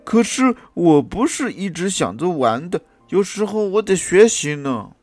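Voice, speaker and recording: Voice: mid-range voice, very animated, unhurried, a little mellow, no echo, voice pushed up. A reader voicing a small, curious boy in a storybook, asking earnest, wondering questions over backing music. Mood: questioning. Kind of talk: storybook reading. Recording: music playing behind the reading.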